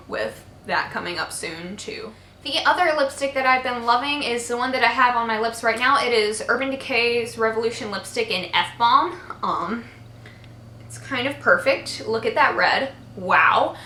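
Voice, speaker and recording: Bright-voiced young woman gushing about makeup. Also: on the high side, slight background noise. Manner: chatty and gushing, with many fillers. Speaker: beauty vlogger. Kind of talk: casual monthly favorites makeup vlog. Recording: echoey room.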